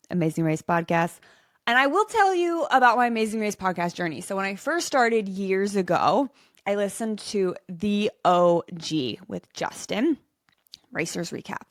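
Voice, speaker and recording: A woman's voice: medium pitch, fairly bright tone, no room sound, studio quality. A woman hosting a solo podcast, chatting in a bubbly, enthusiastic way with frequent asides. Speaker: podcast host.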